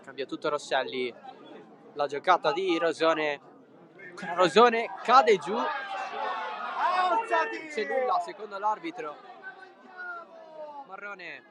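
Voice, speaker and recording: A man giving live football commentary, breathless and excited in the Italian goal-calling manner, bursting into shouts. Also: on the high side, slow, pauses often, background noise. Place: outdoors at a football ground. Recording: loud crowd and music, outdoor stadium. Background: loud crowd and music.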